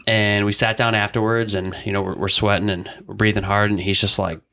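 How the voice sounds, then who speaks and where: A man's voice: lowish voice, flat delivery, fairly quick, bright, forceful tone. A man, a wrestling coach and podcast guest, telling his story in a loose, rambling way full of fillers and restarts. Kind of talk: casual storytelling in an interview.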